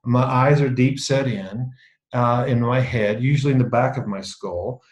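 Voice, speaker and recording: A low-voiced, middle-aged man teaches a leadership course to a small group in an echoey meeting room, speaking at normal speed with casual, dry self-mocking humor and often restarting his sentences.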